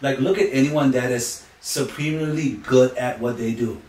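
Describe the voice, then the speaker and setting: Male podcast guest, mid pitch, quick and preachy, roomy off-mic sound. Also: darkish tone, recorded from a distance. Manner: preachy, emphatic, uses sayings and analogies. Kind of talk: motivational talk.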